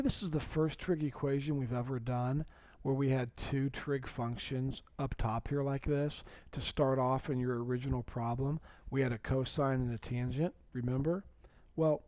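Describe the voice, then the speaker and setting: A man's voice: mid-range voice, dark tone, no echo. A man teaching a precalculus video lesson, patiently walking through steps and repeating key points. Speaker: math teacher.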